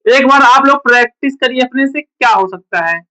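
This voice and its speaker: A woman's voice: sits high, normal speed, sharp tone, rough recording. A woman teaching a grammar lesson, who keeps asking her students questions and answers them herself. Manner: quizzes students with repeated questions. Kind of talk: classroom lecture.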